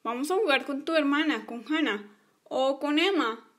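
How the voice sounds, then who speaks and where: A woman's voice: sits high, lively intonation, normal speed. A woman voicing sulky young girl friends in a toy play story, complaining and pouty.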